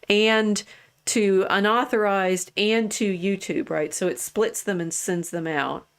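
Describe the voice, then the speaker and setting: Taking her time, a woman in her sixties speaks in a clean, medium-pitched voice as co-host of a livestream. She chats casually in a rambling way, often restarting what she's saying.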